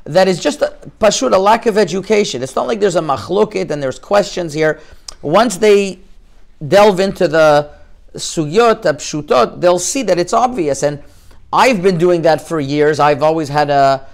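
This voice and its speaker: A middle-aged Canadian rabbi gives an informal lecture, speaking haltingly, restarting often, and weaving Hebrew terms into his talk. His voice sits high and has vocal fry.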